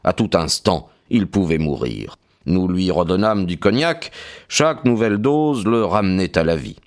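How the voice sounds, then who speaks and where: Male narrator, low register; measured scripted audiobook narration. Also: expressive.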